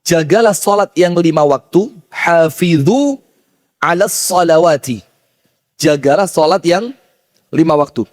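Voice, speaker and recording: A man preaching a sermon, telling stories with lively rhetorical questions to his audience and chanting verses slowly. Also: a little high. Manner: slow chanted Quran recitation. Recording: long hall reverb.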